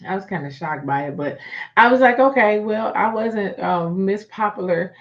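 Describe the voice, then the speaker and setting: A woman hosts a motivational talk, speaking emphatically, repeating her points and addressing her listeners conversationally as "y'all." Her voice is on the low side and expressive, at normal speed, and the audio is dull.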